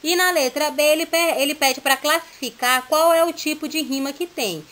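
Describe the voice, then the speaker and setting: Brazilian lady teacher, high voice, goes thru homework answers slow and patient, keeps checking in. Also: fairly bright tone. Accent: Brazilian Portuguese. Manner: reads exercises aloud, then explains slowly. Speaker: Portuguese teacher. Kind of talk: recorded remote lesson, reading and explaining exercises.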